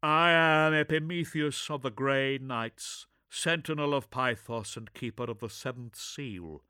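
A man's voice: medium pitch, bright, forceful tone, clean tone, no echo, pitched above the performer's own voice. Man doing a dry, over-enunciating armoured warrior. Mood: solemn. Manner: over-enunciates every syllable, slow and measured. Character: towering armoured male warrior, cold and solemn.

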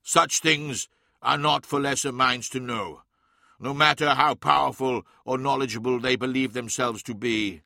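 A man's voice: mid-range voice, fairly even intonation, unhurried, gravelly, pushed and bright, no room sound, clean studio sound, full character voice. A man voicing an all-powerful godlike emperor who speaks in grave, commanding proclamations. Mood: solemn.

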